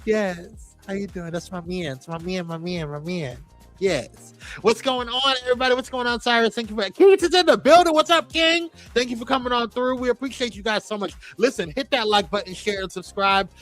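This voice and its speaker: A man's voice: sits high, a little fast, sharp tone, soft background music. A man hosting a live-streamed talk show, greeting viewers by name in a playful, chatty way. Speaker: host.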